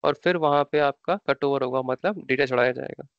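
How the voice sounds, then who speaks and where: A man's voice: medium pitch, a little fast, no room sound, highs cut off. A man with an Indian accent, an instructor explaining ideas step by step in a live online class, repeating terms and asking rhetorical questions. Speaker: SAP training instructor.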